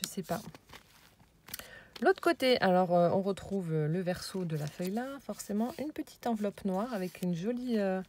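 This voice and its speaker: A woman's voice: medium pitch, moderate pace. Woman chatting through a craft album, lots of ums, keeps whispering how pretty stuff is, bit of faint hiss. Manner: hesitant, searching for words, many fillers; admiring, drops into soft whispered asides. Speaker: vlogger showing a handmade scrapbook album. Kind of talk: casual show-and-tell.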